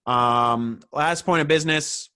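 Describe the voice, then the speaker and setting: A man's voice: a little high, measured pace, pushed and bright, smooth, no echo. Laid-back young man co-hosting a sports podcast. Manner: laid-back, swears casually, wraps up the show. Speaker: podcast co-host. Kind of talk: casual sports podcast chat.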